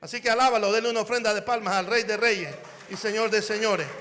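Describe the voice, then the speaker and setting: A man preaching a fervent sermon as an evangelist at a conference, often shouting and calling out to the crowd. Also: high-pitched, steady tone, fast talker, long reverb tail. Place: conference hall.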